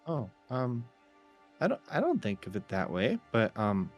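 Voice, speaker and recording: A man's voice: medium pitch, huge pitch swings, measured pace, faint music behind. A man playing a tabletop role-playing game, talking casually in a hesitant, stammering way as he improvises.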